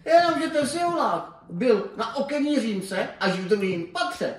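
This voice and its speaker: A man's voice: extremely high pitch, very animated. A man playing a boastful, cowardly, pompous prince in a puppet-theatre fairy tale, speaking colloquially. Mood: bragging, scornful. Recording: echoey, distant mic, faint noise.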